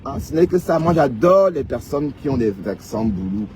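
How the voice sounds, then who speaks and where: A man's voice: medium pitch, animated, normal speed, darkish tone, slight background noise. A man from Cameroon with a Cameroonian French accent, ranting and teasing viewers in a casual live stream, often tagging on "hein". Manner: teasing, mocking, peppered with "hein".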